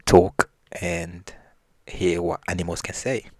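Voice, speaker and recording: A sheepish husband from a spoken folk tale, as a man puts him on. He speaks plainly, with some hesitation. The voice is deep and gravelly. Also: fairly even intonation, takes it slowly, warm tone, no echo, full character voice.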